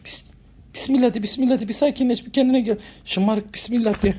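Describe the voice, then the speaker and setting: A woman's voice: a little high, fairly even intonation, brisk, darkish tone, slight background noise. A woman at home filming a casual vlog, coaxing and laughing as she calls to her pet. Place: home indoors.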